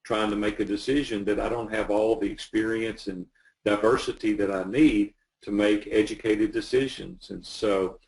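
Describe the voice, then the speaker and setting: A man's voice: lowish voice, steady tone, moderate pace, vocal fry, a little mellow, rough recording. A man working as a business coach, talking earnestly and with animation as he tells stories in a casual interview.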